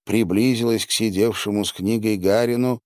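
A man narrating an audiobook in a measured, expressive reading. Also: fairly low pitch, dry recording, studio quality. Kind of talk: scripted narration.

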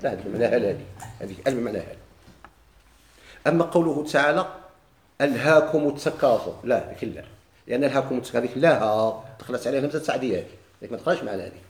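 A man's voice: medium pitch, animated, rapid-fire, echoey room. A man with a Moroccan Arabic accent teaching a grammar lesson to a class, posing questions and answering them himself.

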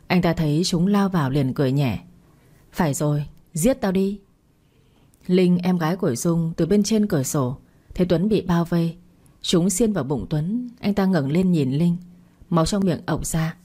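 Female narrator, low mellow husky read, one plain voice for every part. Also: normal speed. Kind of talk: storytelling narration.

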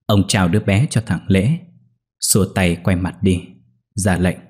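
A man narrating a dramatic folk tale in a measured storytelling way. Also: low voice, steady tone, a little mellow, husky.

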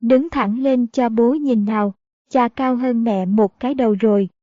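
A woman's voice: on the high side, unhurried, dry recording, lo-fi sound, lightly acted. A woman reading the part of a middle-aged prince who speaks firmly to his son in an audiobook. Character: stern middle-aged prince, a firm father. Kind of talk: audiobook narration.

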